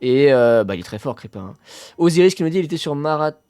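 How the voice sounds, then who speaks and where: A man hosting a casual live stream about athletics, talking with his chat, full of fillers and sudden excited bursts. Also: fairly high pitch, fast talker, clear, resonant tone, no room sound, studio quality.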